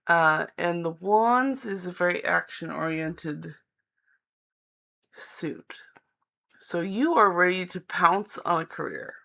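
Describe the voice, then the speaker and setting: Woman, psychic hotline tarot reader, bright forward tone, gravelly fry, halting deliberate phrasing, encouraging, unscripted. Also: on the low side. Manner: encouraging, reassuring. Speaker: live-stream tarot reader and host. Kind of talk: psychic hotline style card reading, unscripted, talking to chat.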